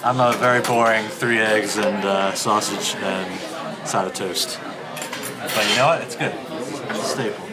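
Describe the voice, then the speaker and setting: Dry-joking man with a low voice. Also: fairly even intonation, unhurried, a loud crowd. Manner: dry, mock-formal joking. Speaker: friend on a trip. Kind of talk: casual chat. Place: diner, indoors.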